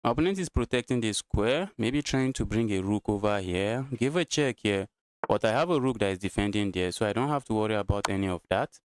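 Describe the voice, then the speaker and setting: Nigerian guy talking thru his chess moves, lowish smooth voice, keeps repeating himself. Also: lively intonation, brisk. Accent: Nigerian English. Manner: thinks aloud, repeats phrases. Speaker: chess streamer. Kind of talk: live-streamed chess commentary.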